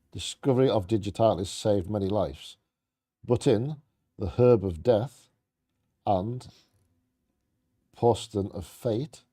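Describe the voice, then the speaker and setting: A man's voice: fairly low pitch, mellow. A man co-hosting a bingo game, reading scripted trivia aloud in a playfully theatrical storytelling way.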